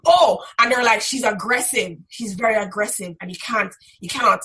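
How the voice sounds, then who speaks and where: In a reflective interview, a young graduate student instructor from the Caribbean islands talks candidly, her tone strident and emphatic. She has a mid-range voice at normal speed, bright and forceful. Background noise and clicks can be heard.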